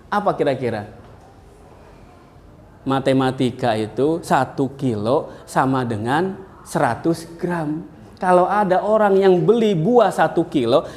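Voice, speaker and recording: A man from Indonesia, a university lecturer, giving a classroom lecture in an animated storytelling manner, asking his students questions. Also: fairly high pitch. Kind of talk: classroom lecture with jokes and anecdotes.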